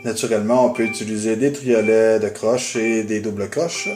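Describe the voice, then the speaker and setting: A man's voice: lowish voice, steady tone, normal speed. A man teaching a guitar lesson, explaining methodically and patiently, with frequent hesitation fillers. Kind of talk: instructional video. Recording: roomy, with guitar playing in the background.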